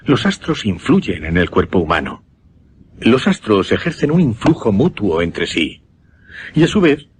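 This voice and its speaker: In a Spanish radio drama, an actor voices a solemn hypnotist who recounts a macabre experiment, using a Castilian accent and measured, dramatic pauses. The male voice sits low, with a little hiss or hum underneath, and the mood is earnest and lecturing.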